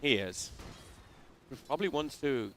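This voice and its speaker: A man casting a live esports match, reacting quickly and eagerly to each play. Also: medium pitch, a little hiss or hum. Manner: excitable, quick reactions to plays. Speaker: esports caster.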